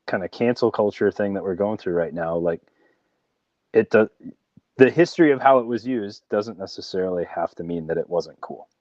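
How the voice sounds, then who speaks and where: A man's voice: on the low side, a little mellow, dry recording, highs cut off. A man hosting a casual interview, encouraging and rambling, who often ends his points with "right?". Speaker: podcast host.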